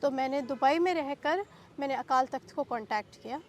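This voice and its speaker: High-voiced agitated woman telling her story. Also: fairly quick, slight background noise. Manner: agitated, mixes English into Hindi, rhetorical questions. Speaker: interviewee. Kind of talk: emotional personal account.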